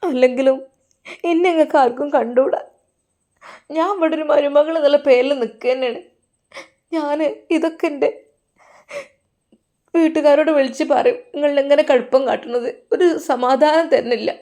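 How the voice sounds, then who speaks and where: A tearful, accusing young wife from a storybook, as a woman puts her on, whining in a Malappuram Malayalam accent. Her voice sits high and soft, quick to protest. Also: natural voice. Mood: aggrieved. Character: young complaining daughter-in-law, woman.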